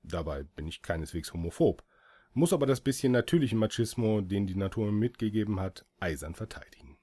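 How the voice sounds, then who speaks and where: A man's voice: fairly low pitch, lively intonation, brisk, warm tone, breathy edge. A man reading a first-person story aloud as an audiobook, with dry, ironic delivery. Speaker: audiobook reader.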